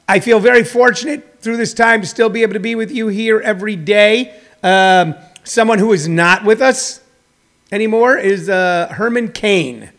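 A man hosting a live talk show with an off-the-cuff monologue, halting and emphatic, repeating phrases for weight. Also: high-pitched, fairly bright tone. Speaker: host of a daily live comedy talk show.

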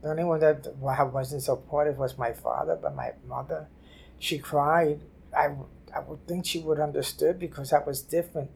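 An older woman from New City, telling her life story haltingly in an oral history interview. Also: low-pitched, steady tone, creaky, darkish tone, slight background noise. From New York City. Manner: halting, repeats and restarts phrases. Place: library office.

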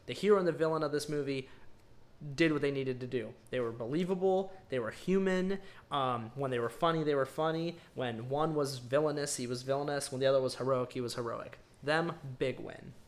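A man's voice: mid-range voice, moderate pace, a bit bright. A man co-hosting a podcast, giving a casual, rambling movie review full of ums and emphatic verdicts. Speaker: podcast co-host.

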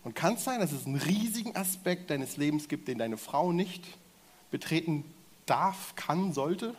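A man preaching a sermon in German, talking directly and energetically and getting his audience to shout along. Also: fairly high pitch, animated, moderate pace.

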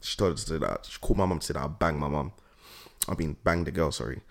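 A man's voice: a bass voice, fast talker, vocal fry. A young man with a London roadman accent, chatting casually and emphatically in heavy street slang as he tells stories. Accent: London roadman, Multicultural London English. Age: young adult.

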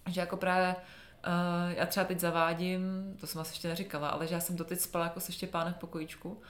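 Low-voiced young mother, roomy echo. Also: flat delivery. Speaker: podcast co-host. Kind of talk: casual chat.

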